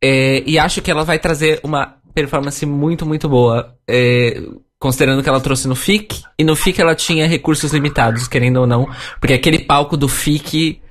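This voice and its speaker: A man's voice: on the high side, steady tone, brisk. A man hosting a casual podcast chat, talking in an opinionated way and laughing often. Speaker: podcast host.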